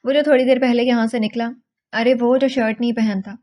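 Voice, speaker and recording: A woman's voice: fairly high pitch, fairly even intonation, dark tone, natural voice. A woman voicing a stubborn, frightened young woman held captive, pleading and defiant by turns.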